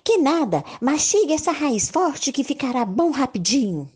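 Bichinho brasileiro bem agudo e prestativo. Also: female voice, high-pitched, big pitch swings, normal speed, darkish tone, pitched above the performer's own voice. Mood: eager, helpful. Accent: Brazilian. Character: small, eager animals offering toothache cures. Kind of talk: children's storybook character voices.

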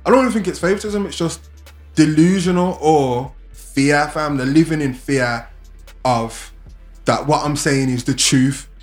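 A man's voice: a little high, moderate pace, faint music behind. London roadman, roomy sound. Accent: London, urban street. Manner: London roadman way of talking, peppered with slang tags. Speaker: podcast co-host. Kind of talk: casual chat in street slang.

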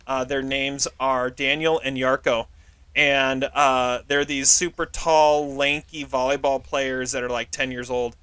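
A man's voice: medium pitch, a little slow, clear, resonant tone, no echo. A man co-hosting a podcast, telling in casual chat how he tracked down a film he reviews. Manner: relaxed storytelling, explains step by step. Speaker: podcast co-host.

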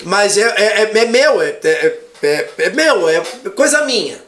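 A man who teaches, a guest in a casual live chat, telling stories in an animated way and swearing often. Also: high-pitched, measured pace.

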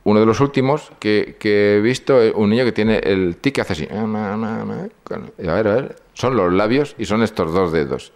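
An older man lectures in a very deep, low voice. He tells stories and acts out each person's lines as he goes. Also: normal speed, few pauses, a little mellow. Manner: storytelling, acts out dialogue. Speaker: speaker on psychology and symbolism.

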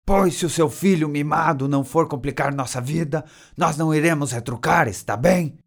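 A man voicing another grown man who shouts defiantly. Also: fairly high pitch, normal speed, vocal fry, pitched above the performer's own voice.

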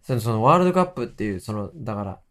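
A man's voice: on the low side, expressive, very fast, a bit bright. A man hosting a casual morning talk show, asking playful teasing questions. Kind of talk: casual chat.

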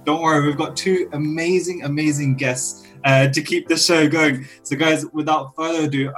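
A podcast host records remotely from his home studio in London, interviewing with gushing enthusiasm and laughing often. His voice is a little high and slightly croaky after a coughing fit, and he comes across as excitable.

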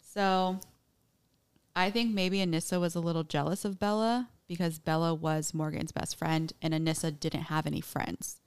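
A woman's voice: low-pitched, steady tone, normal speed, clear, resonant tone. A woman hosting a podcast, chatting casually through a true crime story with lots of "like" and "um". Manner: chatty, many "like"s and "um"s, laughs easily. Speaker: podcast host. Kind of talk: casual chat, retelling a true crime case.

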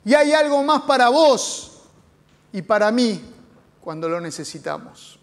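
A man's voice: very high-pitched, big pitch swings, unhurried. A man with an Argentine accent, a pastor preaching a sermon as dramatic storytelling with rhetorical questions. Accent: Argentine Spanish.

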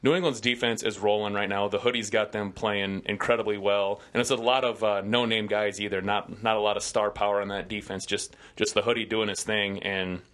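Bright-voiced Midwestern man picking games. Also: lowish voice, level tone, fairly quick, few pauses. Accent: Midwestern American. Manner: confident, chatty betting analysis. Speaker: podcast co-host giving football picks. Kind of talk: casual sports podcast banter. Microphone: studio podcast microphone.

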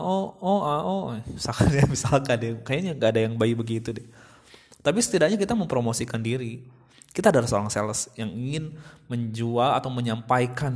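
A young man, hosting a casual podcast monologue in a chatty manner. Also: medium pitch. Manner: chatty, imitates babies and others mid-talk.

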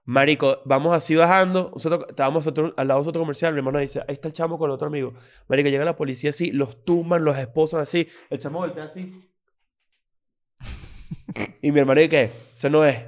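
A Venezuelan man co-hosting a podcast, telling a story in lively, slang-filled casual chat. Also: a little high, fast. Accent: Venezuelan Spanish. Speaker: podcast co-host.

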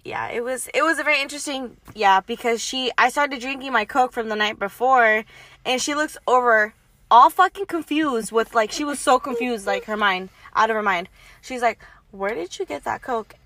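A young woman co-hosting a podcast, telling stories in an animated way and swearing freely. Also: fairly high pitch, moderate pace, no echo. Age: young adult. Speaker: podcast co-host. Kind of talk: casual chat.

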